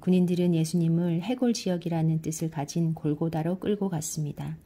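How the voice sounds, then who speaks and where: A middle-aged woman reads scripture aloud in a calm, measured way. Her voice sits low and mellow, and quoted lines come out a little louder. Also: slightly rough. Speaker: Bible reader.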